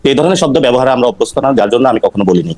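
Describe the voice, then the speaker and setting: A man's voice: medium pitch, lively intonation, darkish tone, low-quality recording. A man from Noakhali, Bangladesh, a politician guest on a talk show, defending his earlier remarks in insistent, repetitive answers. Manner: rapid, insistent, repeats himself when explaining.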